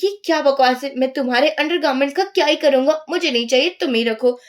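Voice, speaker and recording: A woman's voice: high voice, quick pace, natural voice. A woman voicing an exasperated young male police officer who scolds constantly.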